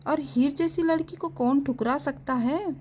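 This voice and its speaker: Woman narrator, high voice, steady and expressive, storybook reading, faint background hiss. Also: unhurried.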